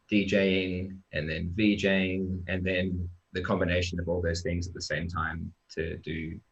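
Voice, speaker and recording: A very low-voiced Australian man joins a remote online live stream as a guest, his audio dull and lo-fi through a video call. Informal in tone, he presents much as a developer would when introducing a team.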